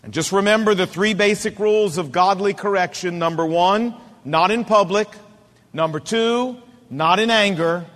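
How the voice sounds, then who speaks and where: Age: middle-aged. Sex: man. Role: preacher. Style: sermon, emphatic and repetitive, slowing for stress. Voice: high for a man. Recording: long hall reverb. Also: a bit bright. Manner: emphatic, repetitive cadence, slows down to stress points.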